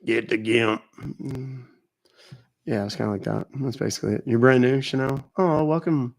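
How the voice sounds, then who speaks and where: A man's voice: medium pitch, moderate pace, creaky, darkish tone. Dude chatting on his livestream, thanking followers, kinda rambly. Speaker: scam-baiting livestream host. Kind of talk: casual livestream chat.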